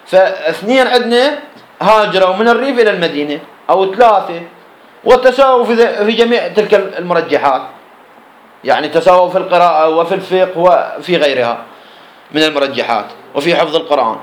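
Brisk Iraqi teacher, higher-pitched male voice, lectures with rhetorical questions, roomy echo. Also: animated. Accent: Iraqi Arabic. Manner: explains line by line, asks and answers his own questions. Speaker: teacher of Islamic jurisprudence. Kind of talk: classroom lecture explaining a text.

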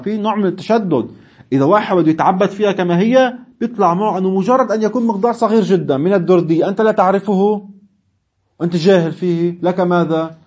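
A man's voice: sits high, darkish tone. A man teaching a seminary class, reading classical texts and explaining them in dialect with chuckling asides. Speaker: religious studies teacher.

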